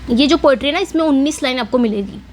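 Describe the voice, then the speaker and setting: High-voiced woman, literature lecture, quizzes students, repeats key points, reads English slowly. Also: a little mellow, a little hiss or hum. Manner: explains in Hindi mixing English terms, repeats key points with quiz questions. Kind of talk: exam-prep lecture.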